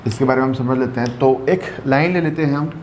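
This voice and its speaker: A man's voice: medium pitch, fast, darkish tone, a little hiss or hum. A male maths teacher giving a classroom lecture, mixing in English terms and checking in often with rhetorical questions. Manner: mixes English terms into explanations.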